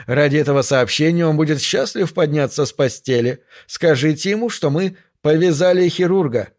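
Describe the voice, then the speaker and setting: A man's voice: on the high side, normal speed, a little mellow, pitched above the performer's own voice, natural voice. A man reading an audiobook, voicing a pompous, self-satisfied police captain who talks grandly and gives orders. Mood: commanding. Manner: grandiose, theatrical, commanding.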